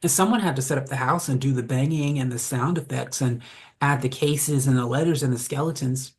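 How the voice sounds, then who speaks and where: A man voicing a smug young man who staged a prank, amused and matter-of-fact, with a husky voice. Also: medium pitch, fairly quick.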